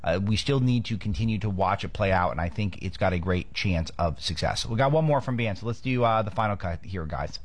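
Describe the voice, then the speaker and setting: A man's voice: fairly low pitch, animated, a little fast, few pauses. A man from Los Angeles hosting a political commentary show, talking off the cuff with frequent restarts. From Los Angeles, United States.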